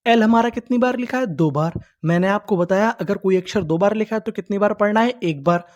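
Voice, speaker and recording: A man teaching English reading in an online lesson. He sounds words out slowly, letter by letter, then asks questions and answers them himself. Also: sits high, a little mellow, lo-fi sound.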